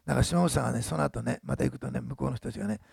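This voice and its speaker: Man, 60s, pastor, anecdotal sermon, quick talker, husky, dark tone. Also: medium pitch, no room sound, clean studio sound. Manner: chatty storytelling, frequent tag ね. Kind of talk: sermon testimony.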